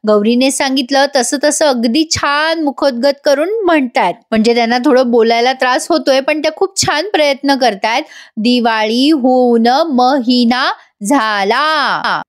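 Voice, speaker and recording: High-voiced woman recapping a TV serial. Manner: lively storytelling, addresses viewers. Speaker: TV serial reviewer. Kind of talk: voice-over episode recap.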